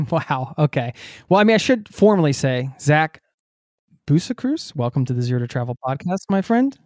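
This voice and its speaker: A man's voice: a little high, big pitch swings, moderate pace, a little mellow, no echo, clean studio sound. A man hosting a travel podcast, chatting casually with his guest in a friendly, joking way. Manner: friendly, joking, easygoing banter. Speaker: podcast host. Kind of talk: casual conversational interview.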